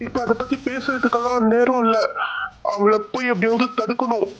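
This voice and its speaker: A man voicing an urgent young man in a cartoon who gives quick orders during a crisis. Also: very high voice, fairly even intonation, muffled recording, over music. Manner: urgent, commanding.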